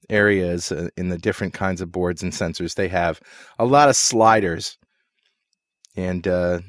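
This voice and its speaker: A man's voice: low-pitched, dry recording. A man co-hosting a tech podcast from a recording studio, telling stories in a joking, loose way with many fillers. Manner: jokey storyteller, many fillers and restarts. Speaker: podcast co-host. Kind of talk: casual chat.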